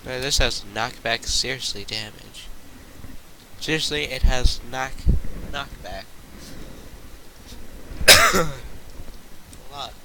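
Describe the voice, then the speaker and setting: A man drifts through casual gameplay commentary at an unhurried pace, trailing off and restarting his sentences. His voice sits in a middling pitch, and a steady hiss and mouse clicks run under the recording. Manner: rambling and halting, many fillers and restarts. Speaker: gaming channel host.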